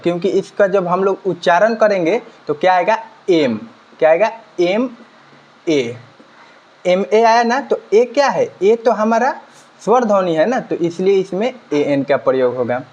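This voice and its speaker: A man teaching a grammar lesson, asking and answering his own questions and repeating key words. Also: high-pitched. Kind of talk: grammar lesson explaining examples. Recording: slightly dull lo-fi recording.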